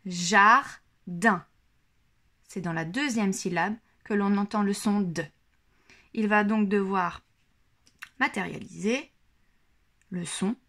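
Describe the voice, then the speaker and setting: A woman with a French accent, slowly explaining a phonics exercise to parents, stressing each syllable. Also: mid-range voice. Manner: articulates words syllable by syllable. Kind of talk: slow, careful instructional explanation.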